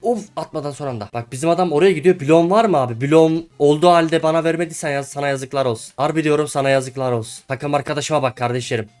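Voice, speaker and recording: A young man giving live commentary on a video game, excitable and quick to shout and laugh at his teammates. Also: fairly high pitch, faint music behind. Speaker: gaming YouTuber.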